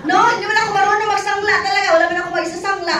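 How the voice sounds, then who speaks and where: High-voiced woman telling her story in a hall. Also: very fast, background noise. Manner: animated storytelling with laughs and acted quotes. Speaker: testimony speaker. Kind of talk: personal testimony to an audience. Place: event hall. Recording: echoey hall from far off, audience faintly behind.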